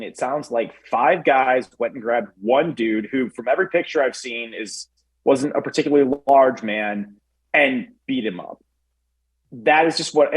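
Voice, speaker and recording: A man's voice: medium pitch, breathy edge, poor audio. A man talking casually on a talk show, telling stories with lots of fillers and acting out what people said. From Chicago area. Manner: animated storytelling with acted-out quotes, many fillers. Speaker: guest commentator.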